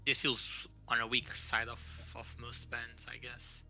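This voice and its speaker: A man commentating a live online game tournament with a very bright, forceful tone. He is playful and laughs easily, teasing his co-host in the downtime between matches. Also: mid-range voice, completely flat delivery, measured pace, soft background music, poor audio. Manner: playful, laughs often, jokes about eating. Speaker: esports caster.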